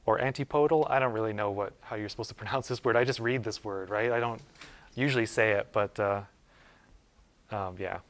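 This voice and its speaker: A man's voice: fairly low pitch, fairly even intonation, a little fast, fairly bright tone. A man lecturing a university class in a loose, informal way, thinking aloud with many fillers, restarts and "right?" checks. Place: lecture room.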